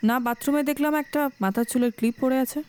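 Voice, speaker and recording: A woman's voice: sits high, fairly even intonation, fast, a little mellow, lightly acted. An actress playing a suspicious wife who questions her husband pointedly. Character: suspicious wife, probing and sharp. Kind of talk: web series acting.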